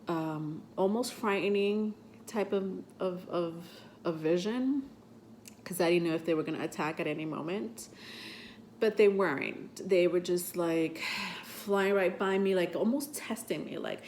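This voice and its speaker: A tarot reader hosting her own vlog chats to camera in a rambling way, full of fillers. Her voice is on the lower side and a little mellow, slightly stuffy as she gets over a cold, with a faint hiss beneath it.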